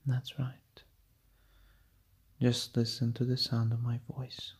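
A man performing an ASMR hypnosis roleplay, murmuring slow repeated commands and often dropping into a whisper. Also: medium pitch, monotone, slightly rough. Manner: repetitive chanting commands.

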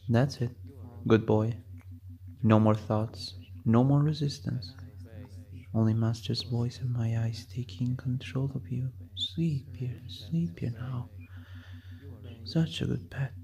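A man with a gravelly, mellow voice talks slowly and evenly through an ASMR hypnosis roleplay. He keeps a flat, steady tone and often drops into a soft whisper. He chants commands over and over. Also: medium pitch.

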